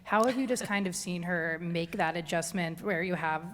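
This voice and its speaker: A woman's voice: lowish voice, moderate pace. A woman sports reporter asking questions at a press conference. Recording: echoey press room with long reverb.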